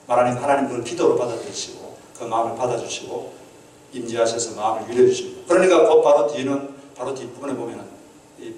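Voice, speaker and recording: A man's voice: mid-range voice, darkish tone. A man preaching a sermon as pastor, earnestly asking the congregation questions and acting out quoted prayers. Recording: echoey hall, mic at a distance.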